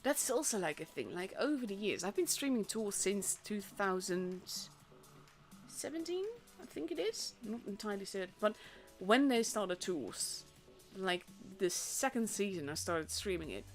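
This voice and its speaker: With a medium-pitched, very animated voice and a moderate pace, a young woman from the Netherlands commentates a tournament live. She's a native Dutch speaker with a Dutch accent, an esports caster and streamer whose casual rambling is full of fillers and restarts, backed by faint stream music.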